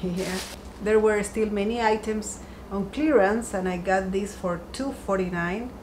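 A home decor vlogger sits by a window in her dining room, chatting upbeat about her shopping haul and lingering softly over each find. Her mid-range voice moves a little slowly. The audio is poor, with a faint hiss or hum.

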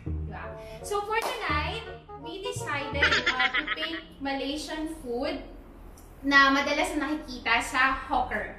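A woman's voice: sits high, a little slow, over music. A Filipino woman hosting a casual mukbang vlog, chatty and giggly, mixing English and Tagalog at a dinner table with friends. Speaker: vlog host. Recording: very echoey room, distant mic, background noise.

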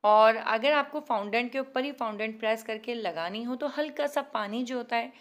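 A cooking channel host narrates a home baking tutorial in voice-over, her voice a little high at a normal pace. She's chatty, self-mocking and pleading, laughing at her own work.

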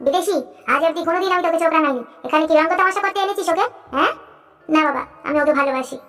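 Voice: extremely high pitch, very fast, a bit bright, soft background music. A performer voicing a bossy, scornful rich father in a cartoon, mocking and commanding. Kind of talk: cartoon voice acting.

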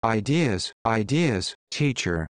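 A man's voice: fairly low pitch, very animated, takes it slowly, no room sound. A man reading aloud and voicing a frightened small orphan boy in a timid, pleading way.

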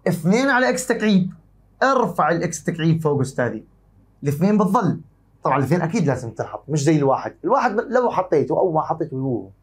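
A man with a Jordanian accent teaching an exam-prep math lesson, warmly calling his students dear and asking and answering his own questions. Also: a little high, breathy edge. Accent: Jordanian Arabic.

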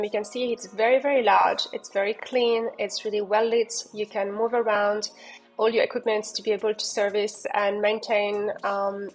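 In a rough recording, a woman with a slightly rough mid-range voice walks the listener through a sailing yacht as its broker, clearly excited about it. She speaks loosely, often restarting and using fillers.

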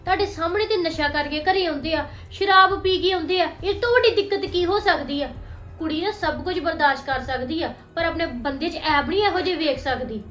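A woman's voice: very high voice, brisk, fairly bright tone. An actress playing a young wife upset with her drinking husband, speaking in an indignant, pleading way. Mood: aggrieved. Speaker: actor. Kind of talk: family drama acting. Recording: echoey room with music underneath.

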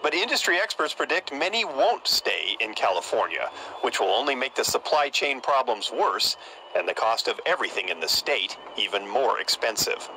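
With a handheld mic at an outdoor truck yard, an older TV field reporter delivers news narration and interviews in an emphatic cadence. He speaks in a very animated, sharp-toned mid-range voice at a moderate pace, and the rough recording has a little hiss or hum.

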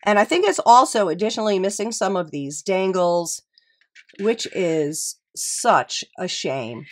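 A woman's voice: mid-range voice, lively intonation, unhurried. A middle-aged woman hosts a casual show-and-tell. Her voice is a little nasal and stuffed up from a cold. She talks in a chatty, appreciative way, often musing aloud as she goes.

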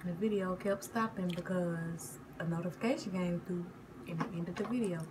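Slightly low young woman, noisy room. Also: normal speed. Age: young adult. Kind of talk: casual eating-challenge chat. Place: living room at home. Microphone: device at arm's length. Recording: clearly noisy home recording.

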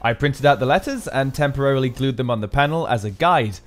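Speaking quickly in a mid-range voice, a man narrates his own build tutorial from a script, upbeat and explanatory. Faint music plays behind him.

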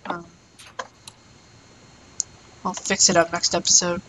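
A woman's voice: fairly low pitch, monotone, takes it slowly, fairly bright tone, a little hiss or hum, low-quality recording. A woman chatting casually while playing a building game, playful and hesitant, with many ums. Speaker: Minecraft player. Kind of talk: casual gaming commentary.

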